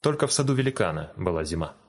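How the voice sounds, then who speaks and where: A man reading a fairy tale aloud in a calm, gentle storytelling manner. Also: sits low, fast. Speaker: narrator. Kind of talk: storybook narration.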